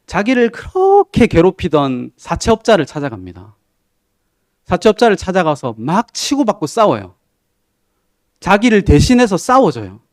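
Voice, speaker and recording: This pastor's voice sits on the high side with a darkish tone, in studio-quality audio without echo. Preaching in a church sanctuary, he tells a story in a conversational way, retelling a TV drama and quoting its lines, and asks questions of the congregation.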